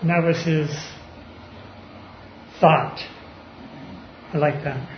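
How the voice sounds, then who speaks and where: High-voiced man teaching scripture. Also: steady tone, extremely slow, slight background noise. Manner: conversational, with fillers and throat clearing. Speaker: preacher. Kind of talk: informal Bible teaching. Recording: roomy, slightly dull recording.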